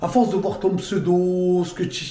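A man in his thirties telling a casual vlog story from inside his car, lively and slangy, talking straight to the viewer. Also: sits high, moderate pace. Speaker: vlogger.

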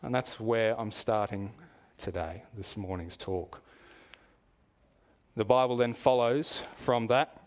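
A man with an Australian accent preaching a sermon in a church, measured and explanatory, asking the congregation questions. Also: on the low side, a little mellow.

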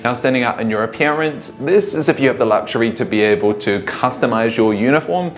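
Man, thirties, sales trainer, animated, acts out greetings, lapel mic, soft music behind. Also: medium pitch, a little fast. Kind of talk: instructional talk to camera. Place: small living room indoors.

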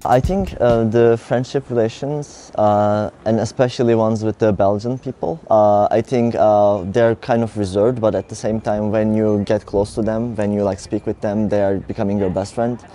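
A young man from Turkey, a master's student answering interview questions hesitantly, with many pauses, outdoors. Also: on the low side, steady tone, dark tone, faint music behind. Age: young adult. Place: outdoor city square.

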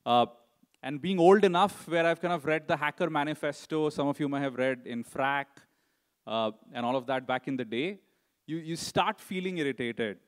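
Speaking in a slightly high voice, a middle-aged man presents at a conference in a chatty way. He often tacks "right?" onto his sentences and uses "you know" to fill gaps.

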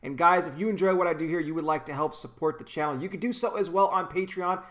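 A man in his thirties hosts a casual commentary vlog from a small room at home, a kitchen visible behind him. Speaking fast in a fairly high, slightly bright voice, he talks earnestly into a desk microphone, gesturing with his hands and often restarting his sentences.

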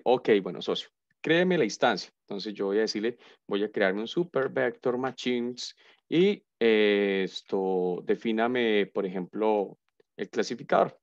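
A man's voice: fairly low pitch, no echo. Chatty man teaching code. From Colombia. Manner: chatty, thinks aloud, hums nonsense while typing. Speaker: university lecturer. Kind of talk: casual live coding lesson. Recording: dull lo-fi sound, dry.

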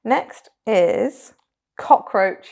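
A woman's voice: fairly high pitch, lively intonation, drawn-out words, vocal fry, a little mellow. A young woman co-hosting a podcast in casual chat, giggling and cutting herself off mid-sentence as she ranks things. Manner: chatty, giggly, self-interrupting. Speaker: podcast co-host.

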